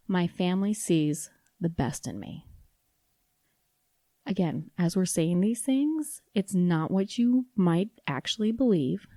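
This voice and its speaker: Chatty woman podcaster in her 30s, kinda low mellow voice, rambles and restarts. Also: dry recording, studio quality. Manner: chatty, self-deprecating, with restarts. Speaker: podcast host. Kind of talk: casual solo podcast talk.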